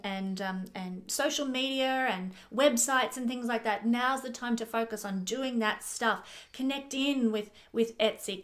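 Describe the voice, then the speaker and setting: A woman astrologer giving a casual, chatty forecast. She laughs often and corrects herself as she goes. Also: on the high side.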